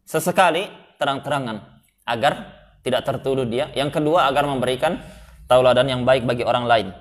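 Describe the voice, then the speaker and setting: Indonesian preacher giving a lecture. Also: male voice, mid-range voice. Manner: frequent affirming "ya", quotes Arabic then explains; asks the audience questions. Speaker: Islamic preacher. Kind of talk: religious study lecture.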